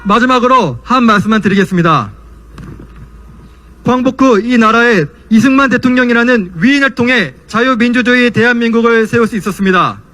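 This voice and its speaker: A young man delivers a student's political rally speech. His voice is strikingly high and has a forceful, sharp edge. He declaims with passion, in the rhetorical manner of a protest orator. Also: expressive, brisk. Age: young adult. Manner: impassioned, declamatory rhetorical questions.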